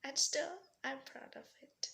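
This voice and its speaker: Young Indonesian woman with a gravelly bright voice. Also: sits high. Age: young adult. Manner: earnest, pausing, with slips and restarts. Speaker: student giving a practice speech. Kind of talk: rehearsed formal speech.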